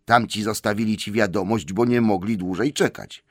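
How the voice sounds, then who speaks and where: A man voicing a brisk, commanding old male wizard in an audiobook, impatient and hurrying. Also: low-pitched, vocal fry, slightly rough, no echo, studio quality, heavily acted. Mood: chiding. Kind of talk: audiobook character voice.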